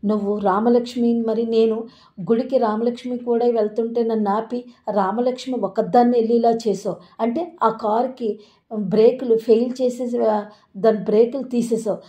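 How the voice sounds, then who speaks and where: Woman voicing angry young husband, shouting, threatening, mellow. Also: on the high side, steady tone, moderate pace, lightly acted. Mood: furious.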